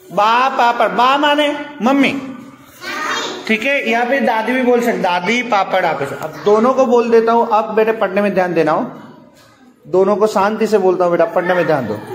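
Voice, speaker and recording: Patient teacher drilling children in an echoey classroom. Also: male voice, sits high, normal speed, background noise. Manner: patient, coaxing, repetitive drilling. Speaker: primary school teacher. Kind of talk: classroom lesson.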